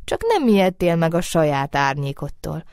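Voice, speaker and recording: A woman's voice: low-pitched, sing-song, darkish tone, clear, resonant tone, no echo. A kind moonbeam spirit coaxes and teases in a light, whispery voice, as a woman puts it on for a storybook. The studio sound is dry and close. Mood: playful. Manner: coaxing, whispery and playful. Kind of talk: storybook reading. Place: recording studio.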